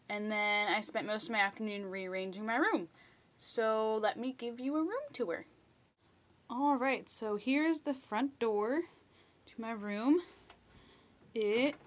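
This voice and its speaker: A woman's voice: a little high, a little slow, pauses often, a bit bright. A young woman chatting casually through a room tour in a small bedroom, rambling through everyday details, recorded on a laptop mic. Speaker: vlogger. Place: small bedroom in a shared house. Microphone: laptop built-in mic, carried around.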